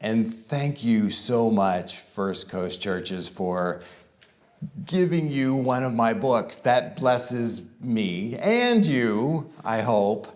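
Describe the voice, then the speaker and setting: A man speaking to a room of pastors at a conference, conversational and easygoing, leaning on words and slowing down for emphasis. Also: medium pitch, lively intonation, darkish tone. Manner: conversational, with varied emphasis and deliberate slow stretches. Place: conference room with live audience.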